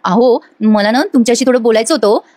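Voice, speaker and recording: A woman's voice: a little high, fast talker, a little mellow, dry recording, natural voice. A woman doing a timid nervous wife. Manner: hesitant, nervous.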